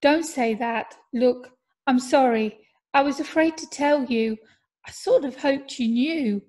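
A woman voicing a young male footballer in an audiobook, earnest and reassuring, a little louder than her narration. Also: high-pitched, slow.

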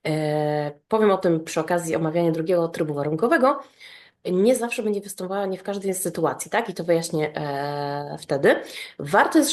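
A woman with a somewhat low-pitched voice leads an online grammar lesson. She walks through each point patiently, spells out verb endings in a steady rhythm, and keeps checking that the listener is following. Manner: explains step by step, often checks with "tak?". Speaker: Spanish teacher.

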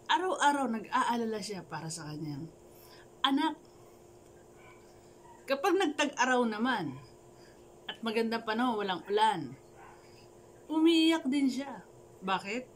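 A woman telling a parable in a casual vlog with playful jokes and asides. Her voice sits at a middle pitch and swings between soft and loud. A faint hum of room noise sits behind her. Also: poor audio. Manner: playful, joking asides and laughter. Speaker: storyteller vlogger. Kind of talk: casual storytelling with a life lesson.

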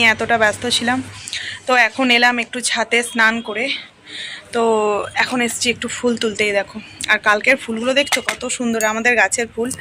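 A young woman from Bengal speaking with a Bengali accent, chatting to viewers in a casual vlog as she walks her rooftop garden and picks flowers, talking a little softly. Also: a little high, a little hiss or hum. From Bengal, India. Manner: chatty, walking tour, points things out while picking flowers. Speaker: vlogger, housewife. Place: rooftop garden of a home, outdoors.

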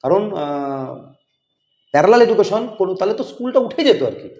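Hosting a podcast interview, a man who is also a teacher rambles along with many fillers. His dark voice sits high, swings widely in pitch and moves briskly, while the room sounds echoey, dull and lo-fi.

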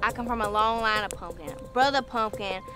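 A woman's voice: mid-range voice, brisk, lightly acted. A woman playing a vain, boastful hillbilly woman on a dating show, over music. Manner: boastful, brash. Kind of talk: comedy sketch acting. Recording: music behind.

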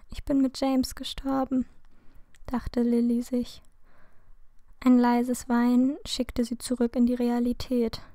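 A woman reads a fan fiction story aloud in a slow, steady narration. Her voice sits a little high but sounds mellow and warm, with very little rise and fall. The recording is close and dry, with no room sound. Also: no echo. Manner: slow, calm, even reading. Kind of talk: scripted narration.

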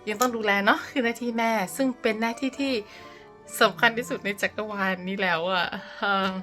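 Chatty Thai-accented woman, higher voice. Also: fairly quick, pushed and bright, soft background music. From Thailand. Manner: chatty, laughs often, mixes in English phrases. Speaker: vlogger and mother. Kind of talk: casual vlog chat.

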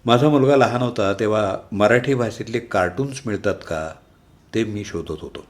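A man with a Marathi accent reading an essay aloud in a measured, wry listing manner. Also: lowish voice. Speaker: reader of an essay. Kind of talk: read-aloud essay narration.

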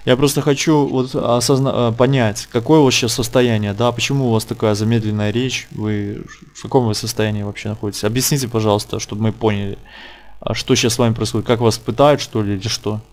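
A man's voice: medium pitch, fairly even intonation, fast talker, darkish tone. A man hosting a casual online interview, talking colloquially and insistently, repeating phrases for emphasis. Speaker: interviewer and channel host.

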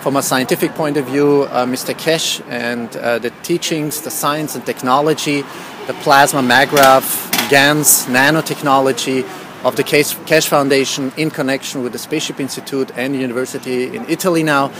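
A man's voice: medium pitch, steady tone, normal speed. A man in his forties who grew up in Austria, giving an earnest on-camera statement outdoors beside a building, full of restarts. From Austria, born in Iran. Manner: earnest, lists ideas with many restarts. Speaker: interviewee at an institute opening. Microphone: handheld camera close up. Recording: outdoor street noise.

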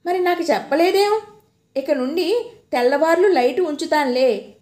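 A woman's voice: high-pitched, moderate pace, a little mellow, voice pushed up, close to an everyday voice. A woman voicing a worried, caring young husband who asks anxious, soothing questions. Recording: roomy echo.

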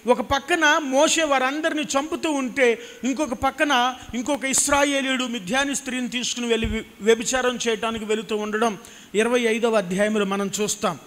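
A man's voice: very high-pitched, pushed and bright. A man in his thirties with a Telugu accent, preaching an impassioned sermon into a handheld mic and repeating phrases for emphasis. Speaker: pastor. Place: church stage with a cross backdrop. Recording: hall reverb.

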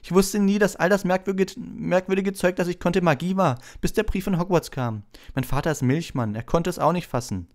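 A man's voice: high voice, a little fast, hardly any pauses, voice pushed up. A man voicing an eager, breathless young schoolboy who gushes and stumbles over his words in an audiobook reading.

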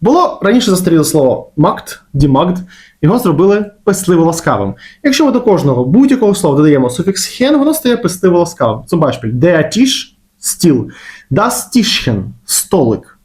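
A man with a Ukrainian accent teaching German grammar in a casual explanatory lesson, slowing down to stretch out example words. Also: sits high, big pitch swings, a little mellow.

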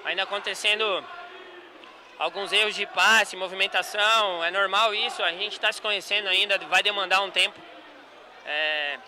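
A male futsal player answering post-match questions on the gym court. His voice is high and very bright, with an earnest, measured delivery that keeps coming back to reassurance. A faint hum of the gym stays behind him.

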